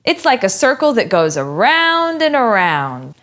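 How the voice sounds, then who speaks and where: A young woman playing a curious, cheerful student, reading aloud clearly and expressively in a scripted educational show. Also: on the high side, very animated, unhurried, a bit bright. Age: young adult.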